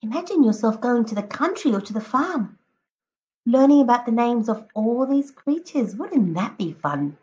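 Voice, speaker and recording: A woman teacher reads a picture book aloud to children in a fairly high, sing-song, slightly mellow voice, and the recording sounds muffled. She's expressive and encouraging, drawing out emphatic words, addressing the kids directly, and asking them prompting questions.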